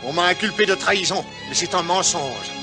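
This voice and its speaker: Man playing a high-voiced, desperate prisoner. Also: fairly quick, music in the background, natural voice. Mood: pleading. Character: desperate male prisoner protesting his innocence. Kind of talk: French-dubbed television adventure acting.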